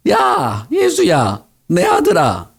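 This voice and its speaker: A frantic, exasperated mother scolds her lost boy in a high, shrill, nagging voice, as a preacher puts her on for a children's sermon. She sounds much higher than a grown man's normal voice and pushes every line out loud and fast. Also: huge pitch swings, vocal fry, husky, full character voice. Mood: scolding.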